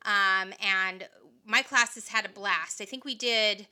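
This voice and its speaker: Bright-voiced woman teacher chatting. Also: mid-range voice, slow, clean tone. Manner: animated, full of fillers and self-corrections. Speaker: teacher guest. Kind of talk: casual chat.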